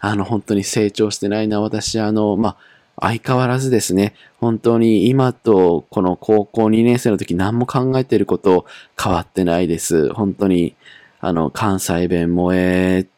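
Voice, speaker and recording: Low-voiced chatty young man. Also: normal speed, mellow, no room sound. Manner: chatty, self-mocking, many fillers. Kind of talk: casual monologue reading his old diary.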